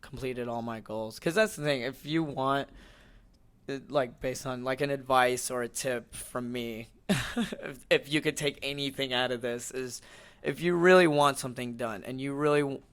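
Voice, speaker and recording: A young man in his twenties tells a personal story in relaxed chat, circling back with restarts and little laughs as he goes. His voice sits in a middle pitch for a man. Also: moderate pace, smooth. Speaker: stand-up comedian, guest. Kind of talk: casual podcast chat.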